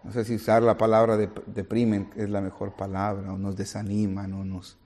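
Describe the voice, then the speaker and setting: A man's voice: fairly low pitch, moderate pace. A man preaching a sermon as a pastor, speaking straight to the congregation and acting out small scenes. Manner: animated preaching, acts out little scenes, addresses congregation directly.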